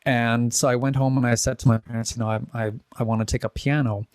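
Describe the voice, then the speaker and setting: A Czech pianist and composer in his forties, guesting on a casual interview, speaks fast at a medium, fairly flat pitch in a clear, resonant voice. The studio-quality recording has no room sound, and he rambles, restarts and corrects himself, chuckling at his own stories.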